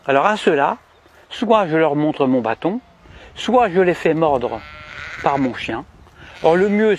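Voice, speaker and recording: A man from DR Congo playing a smug, cunning shepherd in a mock-cheerful satirical monologue with sly, emphatic pitch swings. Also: slightly rough. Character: cunning, smug male shepherd boasting of control.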